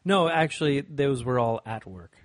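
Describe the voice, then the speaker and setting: A man's voice: mid-range voice, lively intonation, moderate pace, no echo, clean studio sound. A young man co-hosting a casual podcast chat, joking dryly and swearing casually. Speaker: podcast co-host.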